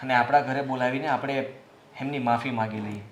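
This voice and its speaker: A man playing a grown son full of regret, speaking sincerely and apologetically at a middle pitch. The room is roomy and echoey, as in a family drama. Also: fairly even intonation, fairly quick, slight background noise, close to an everyday voice. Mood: apologetic. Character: remorseful grown son seeking to mend ties. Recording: roomy echo.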